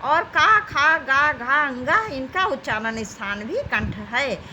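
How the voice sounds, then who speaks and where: Lively slow-paced woman teaching grammar. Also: high voice, slight background noise, low-quality recording. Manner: addresses students warmly as children, reads options aloud. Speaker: Hindi teacher. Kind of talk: exam-prep grammar lesson.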